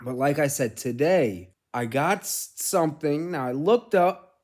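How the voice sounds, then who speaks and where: A middle-aged man, rambling casually as a vlog host, telling things in an animated way with casual swearing. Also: fairly high pitch, measured pace. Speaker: gaming streamer and host.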